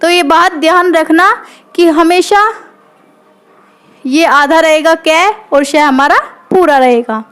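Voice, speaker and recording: Woman teacher, very high voice, patient explainer who keeps checking in with the class. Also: slow, a bit bright, faint music behind. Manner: patient, repeats points, checks in with "theek hai". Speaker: Hindi teacher. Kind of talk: classroom lesson explaining grammar.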